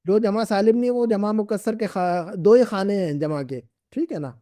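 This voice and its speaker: A man's voice: high voice, normal speed, dark tone, no echo, studio quality. A middle-aged man teaching an Arabic class, patiently repeating and drilling words with his students. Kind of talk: classroom lesson.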